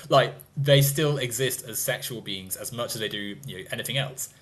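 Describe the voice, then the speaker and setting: A man's voice: medium pitch, normal speed, fairly bright tone. A young man in his twenties argues his point in a loose, rambling way, full of hedges and little laughs. His voice sits in an ordinary middle register. He speaks as a guest in a casual debate. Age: 20s. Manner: rambling, hedging, laughs often.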